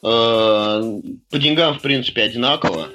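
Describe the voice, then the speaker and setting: Bright-voiced man explaining, music behind. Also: mid-range voice, moderate pace, poor audio. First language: Russian. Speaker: interview guest, firefighter-rescuer and CrossFit coach. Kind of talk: casual interview talk.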